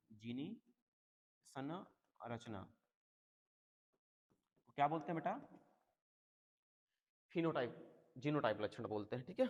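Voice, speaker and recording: A man's voice: a little high, a little mellow, lo-fi sound. A male teacher giving an exam-prep lecture, calling his students "beta" and repeating key terms over and over. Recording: long hall reverb.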